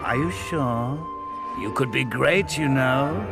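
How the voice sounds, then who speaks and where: A man voicing an ancient magical talking hat in a video game, sly and musing, with a creaky voice and drawn-out deliberation. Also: mid-range voice. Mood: coaxing. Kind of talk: video game character acting. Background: loud orchestral game music.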